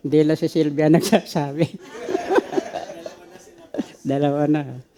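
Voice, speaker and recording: A man's voice: on the high side, fairly even intonation, unhurried, dark tone. A man with a Filipino accent preaching a sermon as pastor, mixing Tagalog and English and often asking the congregation questions.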